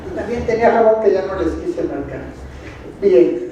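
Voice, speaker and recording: A man's voice: high-pitched, lively intonation, normal speed, lo-fi sound. Mexican man lecturing in an echoey hall. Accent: Mexican Spanish. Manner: quizzes the audience, dry ironic asides. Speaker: conference speaker. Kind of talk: lecture with slides. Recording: very echoey hall, distant, faint noise.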